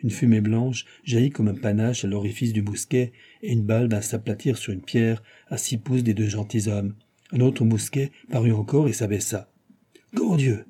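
A man reading a novel aloud as scripted narration, lively and raising his voice for shouted lines. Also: lowish voice, moderate pace, husky. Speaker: audiobook reader.

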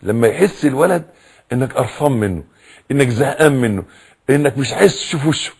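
A man with an Egyptian Arabic accent giving a religious lecture on raising children. He is animated, acts out quoted voices and repeats words for emphasis. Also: mid-range voice, fast, vocal fry, breathy edge. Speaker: preacher.

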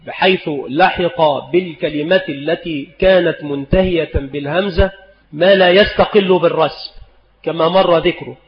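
A man teaching spelling rules in a deliberate lecture, repeating each rule and example. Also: sits high. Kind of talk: recorded lecture. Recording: dull lo-fi recording in a reverberant hall.

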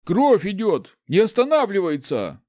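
A man voicing a hot-tempered young nobleman who shouts and bullies, in an audiobook. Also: high-pitched, wildly swooping pitch, measured pace, no echo, studio quality, pitched above the performer's own voice, heavily acted. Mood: enraged. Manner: shouting, bullying. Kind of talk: audiobook character voice.

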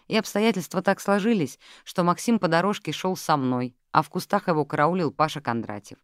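A woman's voice: on the low side, brisk, no room sound, pitched above the performer's own voice, close to an everyday voice. Weary woman writer, matter-of-fact, audiobook character, read by a narrator, dry sound. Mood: explaining. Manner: tired, matter-of-fact explaining. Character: weary female mystery writer, calm and sharp.

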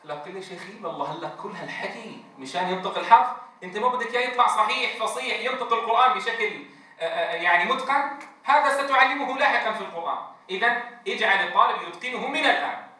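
Training future Quran teachers, this man draws out letter sounds as demonstrations and keeps asking whether his class is following. He talks fast and animatedly in a high, bright, forceful voice, picked up from afar in a heavily echoing room.

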